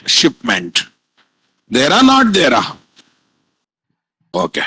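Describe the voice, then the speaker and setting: A man's voice: high-pitched, a bit bright, no room sound, poor audio. A man with a Telugu Indian accent lecturing live as a programming instructor, repeating points and constantly quizzing his students with questions.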